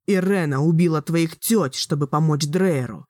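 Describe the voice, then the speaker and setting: A woman voicing an adult male hero who speaks firmly, trying to calm someone, in an audiobook. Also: sits low, normal speed, dry recording, studio quality, natural voice. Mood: firm pleading. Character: adult man, the hero, steady and pleading. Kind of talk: audiobook character voice.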